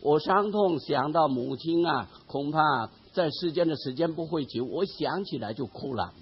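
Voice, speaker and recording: A monk voicing a devoted, grieving son. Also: male voice, on the high side, animated, normal speed, husky, lo-fi sound. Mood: sorrowful. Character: devoted adult son grieving for his aging mother.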